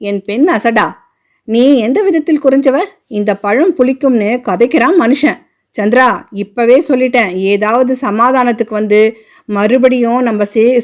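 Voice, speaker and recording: A proud, hot-tempered father rants in a storybook reading, as a woman narrator puts him on. His voice sits fairly high for a man, since the reader keeps her own register. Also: close to an everyday voice. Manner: indignant, ranting.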